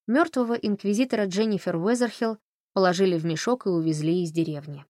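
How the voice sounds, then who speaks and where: A woman narrating an audiobook in an even, measured storytelling manner, close to the mic. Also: medium pitch, no echo. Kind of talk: scripted narration.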